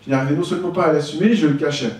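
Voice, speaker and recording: A man's voice: fairly high pitch, rapid-fire, darkish tone, far from the mic. Man telling his story in an echoey room. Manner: candid, reflective storytelling. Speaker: speaker giving a talk. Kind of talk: personal testimony talk.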